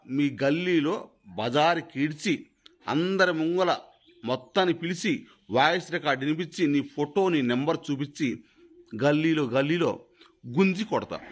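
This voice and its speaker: Angry threatening man. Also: mid-range voice. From Khammam, Telangana. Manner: angry, threatening, repeats himself. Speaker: video creator. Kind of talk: angry direct-to-camera rant.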